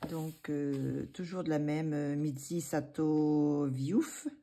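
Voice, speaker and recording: A woman's voice: sits low, fairly even intonation, takes it slowly, warm tone. A woman vlogger chatting casually about her coloring books, hesitating often with fillers and restarts. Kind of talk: casual chat.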